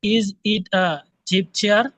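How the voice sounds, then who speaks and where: A man answering in an online English class, hesitant and halting as a student. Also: high voice, level tone, fairly bright tone.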